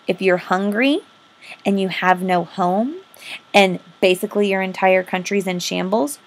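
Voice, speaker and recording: American lady teacher, mid pitch, dictating notes to her class, casual but emphatic, repeats key words. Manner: emphatic, informal, asks and answers own questions. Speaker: history teacher. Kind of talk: recorded lesson lecture to students.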